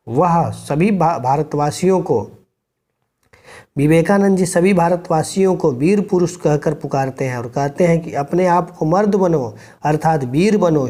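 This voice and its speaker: A man's mellow, soft-edged voice, sitting a little high for a man, explains a textbook chapter to his pupils. He speaks slowly and deliberately, reading each line and then spelling out what it means. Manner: reads a passage aloud, then explains it line by line, urging students. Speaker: school Hindi teacher.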